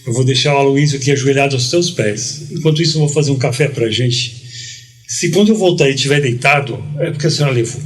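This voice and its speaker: Man telling a lively slangy story. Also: medium pitch, fast talker. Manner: lively storyteller, slangy, quotes people in dialogue. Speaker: guest. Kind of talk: casual storytelling.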